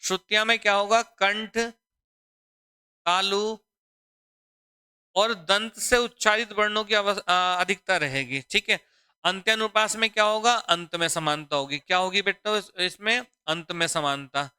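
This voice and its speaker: A man's voice: high-pitched, pushed and bright, smooth, no room sound. A man teaching a Hindi grammar lesson for exam preparation. He often repeats his own questions and calls the students "beta". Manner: drawn-out, deliberate explaining.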